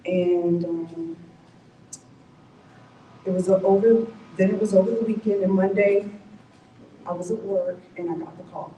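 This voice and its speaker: A woman's voice: mid-range voice, steady tone, a little slow, long pauses, mellow, echoey room, recorded from a distance, slight background noise, poor audio. A woman telling her own cancer survival story at a community forum, reflective and correcting herself as she goes. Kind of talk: personal testimony at a forum.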